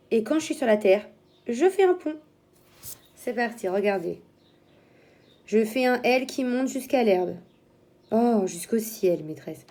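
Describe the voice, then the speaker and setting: A woman teacher talking young children through handwriting, step by step, in slow and simple words. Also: mid-range voice, mellow.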